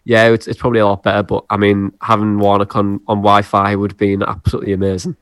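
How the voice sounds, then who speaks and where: A man chats casually about football as a fan podcaster. His voice is fairly low, with emphatic repetition, in a dry recording. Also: flat delivery, fast, fairly bright tone, clear, resonant tone, dry recording. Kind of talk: casual sports chat.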